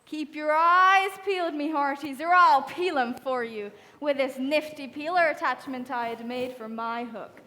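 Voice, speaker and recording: A woman playing a blustering, threatening male pirate captain with a hook, in a gruff, theatrical audio-drama manner. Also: high-pitched, a little slow, hardly any pauses, sharp tone, long reverb tail, slight background noise. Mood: menacing.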